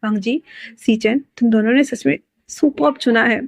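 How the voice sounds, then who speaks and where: A woman casually narrating a fan-fiction story, voicing the characters' lines and breaking in with her own excited asides. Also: fairly high pitch, moderate pace, dry recording, studio quality.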